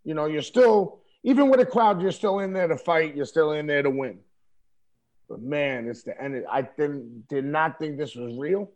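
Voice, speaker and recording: A man's voice: on the high side, normal speed, darkish tone. A man talking casually over a video call in a streetwise, emphatic way, often asking "you know what I mean?". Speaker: interview guest, wrestler.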